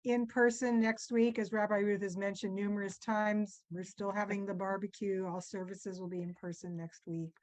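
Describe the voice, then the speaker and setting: A woman's voice: medium pitch, level tone, moderate pace, few pauses, darkish tone. A woman leading a service, reciting blessings with casual, friendly asides. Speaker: service leader.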